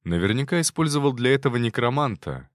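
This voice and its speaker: A man narrating a first-person audiobook in a measured, wry inner-monologue manner. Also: mid-range voice, lively intonation, dry recording, studio quality.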